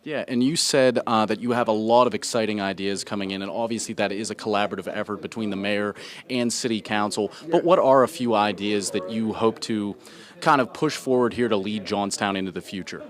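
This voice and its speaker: A male field reporter speaks live from the scene in a somewhat low voice. He asks his questions at a quick, conversational pace.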